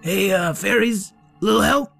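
A cocky, bumbling young detective in a children's story, voiced by the narrator. He blusters loudly, then turns jumpy and nervous. His voice has a gravelly fry, with faint music behind. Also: mid-range voice, measured pace, pitched above the performer's own voice. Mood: blustery. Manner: blustery, easily spooked.

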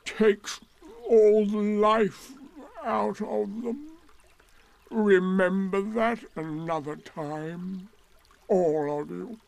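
A man voicing a gloomy old male donkey who grumbles in a slow drawl. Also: high-pitched, vocal fry, darkish tone, pitched above the performer's own voice, full character voice. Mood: grumbling.

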